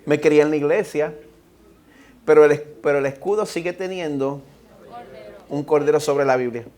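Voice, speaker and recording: Un pastor con acento puertorriqueño predicando ante su congregación, que lee las Escrituras con énfasis pausado y exhorta directamente a los oyentes. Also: male voice, fairly high pitch, mellow. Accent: Puerto Rican Spanish. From Puerto Rico. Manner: reads scripture slowly and emphatically, then exhorts the congregation directly. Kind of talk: sermon. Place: church sanctuary.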